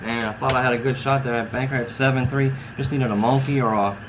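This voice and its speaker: Casting: male casino croupier type, clipped table calls with casual instructional asides, clear ambient noise. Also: mid-range voice, fairly even intonation, a little fast. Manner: calls out hands in clipped dealer phrases. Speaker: instructor demonstrating card dealing. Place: at a card table beside a brick wall and door. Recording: noisy, with ambient background sound.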